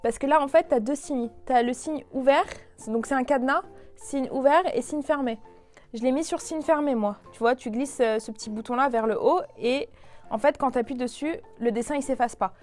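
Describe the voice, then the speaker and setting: A woman's voice: high-pitched, normal speed, darkish tone, faint music behind. A young woman casually presenting a toy to the camera, with lots of fillers and restarts. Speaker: toy review YouTuber.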